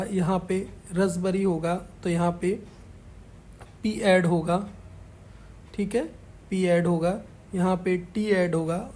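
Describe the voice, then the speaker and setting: A woman's voice: lowish voice, warm tone. A woman teacher, patiently explaining a worksheet in an online class and often checking in with the pupils. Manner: slow, patient, repeats "ठीक है" after each point.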